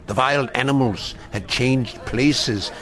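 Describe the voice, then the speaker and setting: In a theatrical radio drama, a male actor with a medium-pitched, slightly bright voice plays a weary, anguished old German immigrant who is defiant and scornful of fascists. His delivery is slow, emphatic and bitterly rhetorical, repeating phrases, with a haunted, weary mood.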